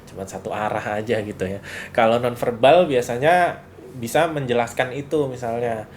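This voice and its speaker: Male lecturer, relaxed chatty delivery, acts out examples, faint room noise. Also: mid-range voice, normal speed. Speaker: university lecturer. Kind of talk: casual lecture to students.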